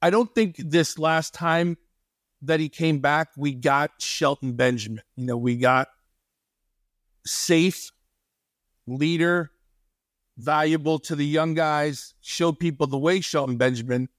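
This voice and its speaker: Male podcast co-host, slightly higher voice, dry close mic, rambling storyteller. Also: slow pace, pauses often, no room sound. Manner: rambling, folksy, tells stories. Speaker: podcast co-host, former wrestling trainer. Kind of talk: casual podcast chat.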